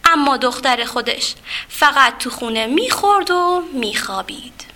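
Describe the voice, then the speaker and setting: Expressive woman reading a children's story. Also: sits high. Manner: expressive, addresses children directly.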